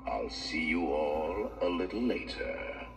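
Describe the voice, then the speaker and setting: A sinister ghost host. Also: male voice, extremely low pitch, expressive, full character voice. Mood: mock-genial. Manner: slow, ghoulish, mock-polite, dropping to whispers. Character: sinister, genial male ghost host of a haunted mansion. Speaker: narrator and guide. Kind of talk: theme-park ride narration. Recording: distant voice under loud spooky music.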